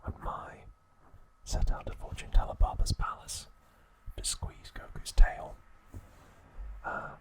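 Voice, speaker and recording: A male narrator recaps an episode in a soft ASMR whisper, breathy and unvoiced, taking deliberate pauses between brief phrases.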